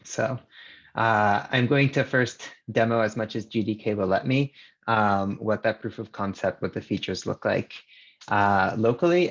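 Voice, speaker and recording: A man presenting a software demo live on a video call, talking casually and hesitantly with many fillers, captured in a screen recording. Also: fairly low pitch, lo-fi sound. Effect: screen-recorded video call audio.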